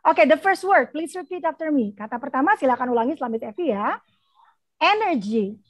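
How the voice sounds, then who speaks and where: A woman teacher with an Indonesian accent gives a lesson over the radio, speaking slowly and carefully so children can repeat after her. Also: sits high, animated, no room sound. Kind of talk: bilingual reading lesson on radio. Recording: dull, lo-fi radio broadcast.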